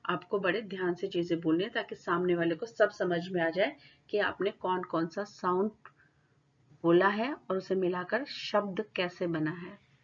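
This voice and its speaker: A woman teacher giving a lecture, explaining points in Hindi and reading English definitions out slowly. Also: lowish voice, steady tone, breathy edge, lo-fi sound. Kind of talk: classroom lecture.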